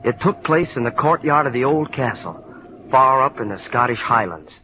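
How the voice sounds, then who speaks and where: A man's voice: medium pitch, animated, moderate pace, close to an everyday voice. An actor playing a wounded, earnest clansman recounting family history in 1940s radio style. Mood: earnest, solemn. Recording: muffled, noisy old radio recording.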